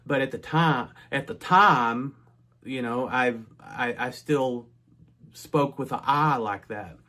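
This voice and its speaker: His voice is medium in pitch, slow, and has a pushed, bright quality. He's a middle-aged North Texan casually recounting something that happened to him, full of false starts and side comments.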